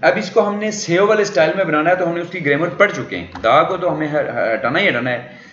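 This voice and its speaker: A man's voice: a little high, brisk, a bit bright, slight background noise. A man teaching a language class, explaining words and repeatedly quizzing his students with questions. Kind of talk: classroom lecture. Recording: dull roomy classroom recording.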